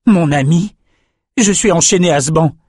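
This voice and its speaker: A man's voice: fairly high pitch, normal speed, a little mellow, slightly rough, no echo, clean studio sound, pitched above the performer's own voice. A man voicing a young captive swordsman, curt, hostile and weary, in an audiobook. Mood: bitter defiant. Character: young male captive swordsman, bitter and defiant. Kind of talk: audiobook character voice.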